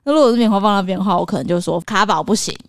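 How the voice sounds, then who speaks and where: A mother, co-hosting a podcast and explaining how to handle a toddler in a quick, expressive way. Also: medium pitch, no room sound, clean studio sound. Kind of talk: casual chat, giving parenting advice.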